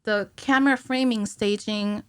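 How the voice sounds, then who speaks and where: A woman appearing as a guest on a casual podcast talks about her work as a cinematic animator, explaining the technical side with a halting delivery. Her mid-range voice is clear and resonant, with fairly even intonation, and the recording is dry. She's in a small curtained podcast studio indoors, using a boom-arm studio mic and wearing headphones.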